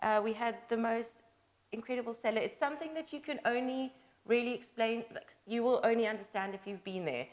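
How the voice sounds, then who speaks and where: A woman's voice: on the high side, fairly quick. A young woman from South Africa, a sommelier, answering interview questions hesitantly with many fillers. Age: young adult.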